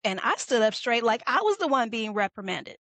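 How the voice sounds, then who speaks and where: A woman leadership coach giving an animated, conversational motivational talk, telling a story and speaking directly to her listeners. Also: a little high, fairly quick, no room sound.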